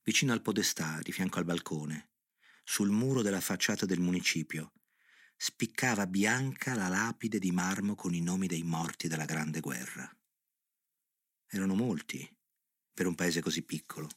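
Low-voiced man reading a grave novel. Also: dry recording, clean studio sound. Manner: measured, grave literary narration. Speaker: narrator.

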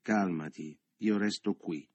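A man's voice: very deep voice, sing-song, normal speed, gravelly, dark tone, breathy edge, dry recording, heavily acted. A man voicing a desperate, defiant young brother in an audiobook, bitter in tone. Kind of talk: audiobook character reading.

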